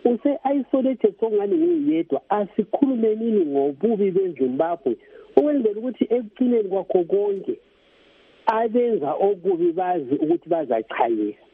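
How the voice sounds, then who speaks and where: A man's voice: high voice, big pitch swings, normal speed, vocal fry, breathy edge. A man with a Zimbabwean Ndebele accent, close to Zulu, calling a radio phone-in over a telephone to give his political opinion. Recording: tinny, narrow phone line.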